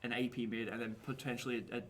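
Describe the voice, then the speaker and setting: A man casting a high school esports match, chatty and quick to laugh, tripping over player names now and then. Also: flat delivery, a little hiss or hum. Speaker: esports caster. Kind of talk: live esports commentary.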